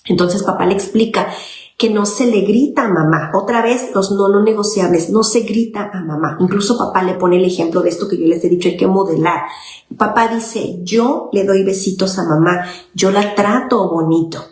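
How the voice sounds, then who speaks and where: A woman's voice: medium pitch, normal speed, a little mellow. A woman child psychologist, explaining parenting in an informal talk and often checking in with "okay?". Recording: echoey room with faint noise.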